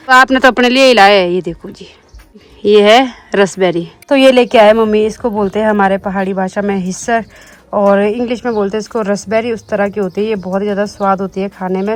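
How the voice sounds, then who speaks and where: A young woman, vlogging outdoors in her mountain village and chatting straight to the camera. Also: mid-range voice. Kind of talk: casual vlog narration.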